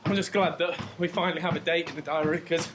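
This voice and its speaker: A man's voice: fairly high pitch, steady tone, quick pace. A man chatting casually to his vlog viewers while running on a treadmill at home. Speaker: vlogger. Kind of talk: casual chat to camera. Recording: clear background noise of treadmill, clicks.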